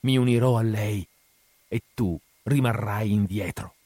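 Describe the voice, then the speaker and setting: A man voicing a frenzied, gleeful old Egyptian priest who speaks in a loud, exalted, hysterical way in a dramatic audiobook reading. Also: on the low side, measured pace, no echo.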